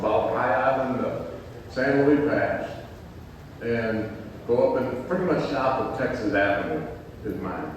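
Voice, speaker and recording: An older man giving an informal public address in a folksy, plain-spoken way, his voice echoing around a big hall. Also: on the low side. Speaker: county commissioner, guest speaker. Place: large echoing indoor meeting space. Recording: very echoey hall, distant mic, faint noise.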